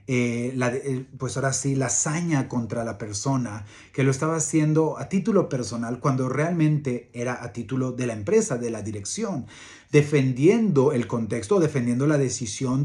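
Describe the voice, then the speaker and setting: A man giving a leadership coaching talk, earnest and repetitive, halting with fillers as he tells a workplace story. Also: medium pitch, warm tone. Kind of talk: motivational talk with anecdote.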